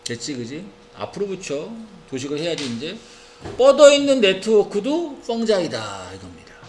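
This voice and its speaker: A male teacher with a high-pitched voice, speaking at normal speed, leads an English reading lesson in an academy classroom. Reading the words in a Korean accent, he keeps things lively and often checks on his students with tag questions.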